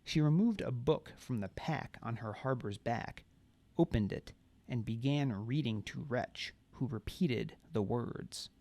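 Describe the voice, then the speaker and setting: A man reading his own fantasy novel aloud in a measured way. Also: medium pitch, dark tone, no echo. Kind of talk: audiobook narration.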